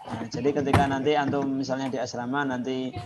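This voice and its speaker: A man teaching an Arabic class online, patiently repeating phrases slowly for his students. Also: medium pitch, level tone, very noisy. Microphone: video call. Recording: muffled video call with chattering students.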